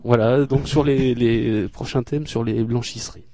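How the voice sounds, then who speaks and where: Slow, halting French radio host man. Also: medium pitch, fairly even intonation, dark tone. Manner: hesitant, many filler sounds and restarts. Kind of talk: casual studio chat.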